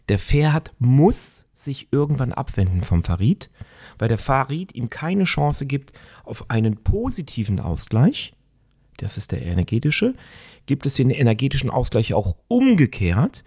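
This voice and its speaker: Thoughtful middle-aged man with a mellow voice. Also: mid-range voice, very animated, moderate pace, breathy edge, no echo, clean studio sound. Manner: thoughtful, searching, with many fillers. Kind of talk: reflective conversation.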